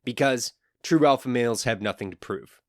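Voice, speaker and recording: A man's voice: medium pitch, normal speed, no echo, clean studio sound. A man hosting his own podcast, giving an earnest solo monologue with wry asides. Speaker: podcast host.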